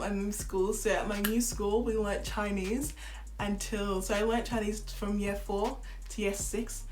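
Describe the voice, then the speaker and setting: A young woman from Zimbabwe, giving a relaxed, chatty bedtime talk as a vlogger, soft-spoken and giggly, at times sinking to a whisper. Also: mid-range voice. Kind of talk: relaxed bedtime chat to camera.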